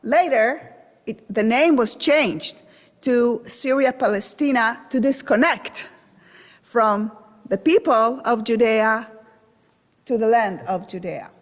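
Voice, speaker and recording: Speaking slowly in a voice on the high side, the same woman with a Russian and Israeli accent lectures as a guest in a synagogue hall with echoing acoustics. She keeps the talk conversational, putting questions to the congregation.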